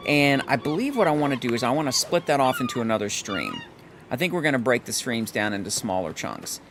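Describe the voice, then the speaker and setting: Brief: hoarse male let's play host, relaxed thinking-aloud commentary, animated pitch, noisy recording. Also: fairly quick. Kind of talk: casual gameplay commentary.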